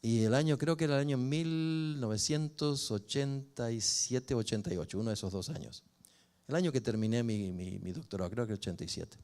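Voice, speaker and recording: Older pastor telling a story. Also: male voice, medium pitch, a little fast. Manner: storytelling, expressive, rises and falls with emotion. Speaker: pastor and family counselor. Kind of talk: personal testimony sermon.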